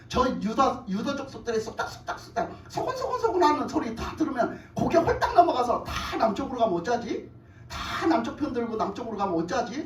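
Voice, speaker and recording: A woman preacher voicing a greedy, panicky ancient king who shouts and then begs loudly. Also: fairly high pitch, reverberant, far from the mic, slight background noise, pitched below the performer's own voice, close to an everyday voice.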